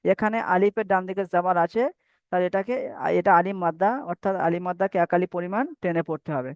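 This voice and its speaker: A man's voice: sits high, fairly even intonation, quick pace, clean tone, no echo. A man teaching Quran recitation rules in a patient, repetitive way and having students recite after him. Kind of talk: online tajweed lesson. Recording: dry, dull lo-fi mic.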